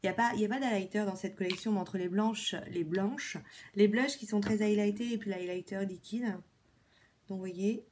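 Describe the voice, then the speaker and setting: A woman's voice: mid-range voice, steady tone, normal speed, darkish tone, a little hiss or hum. Chatty woman reviewing makeup. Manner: chatty, repeats words, many fillers. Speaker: beauty vlogger. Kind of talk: casual product review chat.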